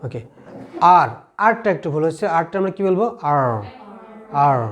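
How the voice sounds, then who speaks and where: A man with a Bengali accent teaching English pronunciation to a class, asking questions and repeating sounds slowly. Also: sits high, a bit bright, dull audio. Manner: asks the class questions and answers them, drills sounds slowly.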